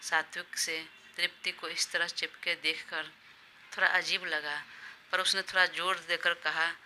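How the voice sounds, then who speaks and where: A woman narrating a romance audio story in a steady, plain way. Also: on the low side, measured pace, slight background noise.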